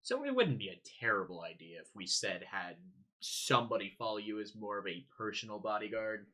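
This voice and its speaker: A young man at a tabletop game with a bright, husky voice. His pitch moves a lot as he talks, and his chat is casual and quick to laugh. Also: big pitch swings. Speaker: player.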